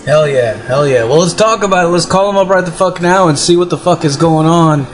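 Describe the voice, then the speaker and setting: A man's voice: on the high side, a little fast. A man hosting a metal radio show, laid-back and swearing freely, with enthusiastic interjections. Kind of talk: casual chat, heavy swearing.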